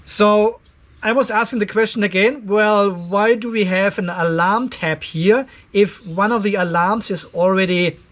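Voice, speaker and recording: Speaking to camera from a cluttered garage workshop, the fifty-something host of an off-grid solar channel has a high, slightly bright voice. His explainer is casual and conversational, moving step by step with frank criticism.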